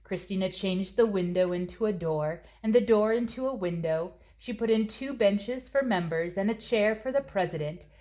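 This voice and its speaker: A woman with a mid-range voice narrates a children's storybook aloud, using expressive, deliberate phrasing.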